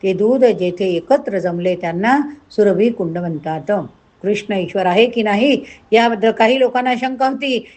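A woman's voice: a little high, darkish tone. A woman retelling a devotional scripture story, adding preachy asides to her listeners.

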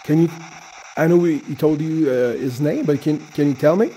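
Guy doing a ghost hunt in a cave, soft mellow voice, pauses between questions, some background noise. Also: fairly high pitch. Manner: halting, pausing between short questions. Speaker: paranormal investigator leading a spirit box session. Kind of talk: casual questioning addressed to spirits. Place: inside a large underground cave. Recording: noisy handheld cave recording.

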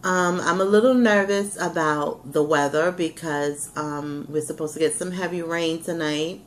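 A woman's voice: deep voice, steady tone, unhurried. A woman, chatting casually as a vlog host. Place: indoors, plain small room at home. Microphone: webcam microphone at arm's length.

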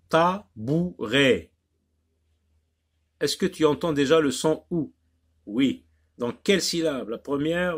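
A man's voice: medium pitch, breathy edge. A man teaching a phonics lesson to young children, patiently repeating and stretching out each word.

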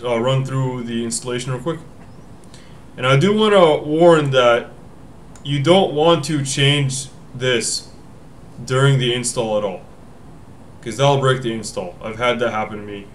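In a relaxed screen-recorded tutorial made at home, a young man talks through tech steps aloud, frequently backtracking to fix what he's said. He speaks at medium pitch in a steady, unhurried way, with a faint hiss or hum underneath.

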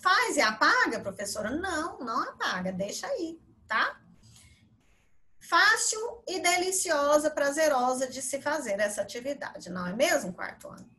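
High-voiced Brazilian schoolteacher. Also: female voice, big pitch swings, measured pace, bright, forceful tone. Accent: Brazilian Portuguese. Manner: encouraging, explains step by step with many "certo?" and "ó". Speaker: teacher. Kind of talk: remote video lesson for children.

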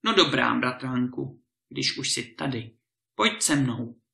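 A man voicing a huge, boastful male giant lord in a storybook reading, with a booming, thundering delivery. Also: very animated, gravelly, bright, forceful tone, heavily acted. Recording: roomy echo.

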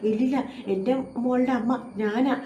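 A woman's voice: on the high side, fast, mellow, lo-fi sound, natural voice. A woman voicing a frantic, guilt-stricken middle-aged mother wailing and pleading to God. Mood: distraught. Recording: echoey room with faint noise.

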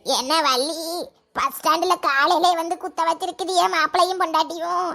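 Woman playing a nosy village neighbor, Kanyakumari Tamil accent, very high gravelly voice, bright sharp tone, comedy sketch. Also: steady tone, a little fast, heavily acted. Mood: prying. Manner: prying, chatty questions.

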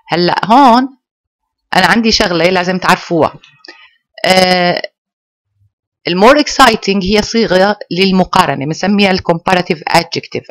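A teacher giving an online English lesson to pupils, slowly spelling out English phrases. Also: medium pitch, fairly bright tone, dry recording.

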